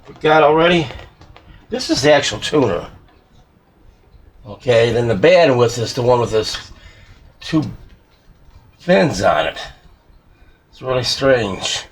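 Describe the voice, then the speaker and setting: Working in an indoor workshop, a hobbyist repairer mutters to himself and thinks aloud, giving casual, rambling commentary. His medium-pitched voice has lively intonation, and he takes it slowly with frequent pauses. Background noise is clearly audible, along with clicks of handling.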